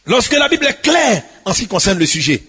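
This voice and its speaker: Male pastor, high and husky, preaching with big swings from hushed pleas to shouts, reverberant hall. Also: big pitch swings, a little fast. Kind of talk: sermon.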